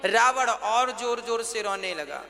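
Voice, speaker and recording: A man's voice: very high-pitched, animated, slow pace, pushed and bright. A male preacher telling a devotional story in a dramatic, emotive way, breaking into sung verse. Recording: instrumental music behind.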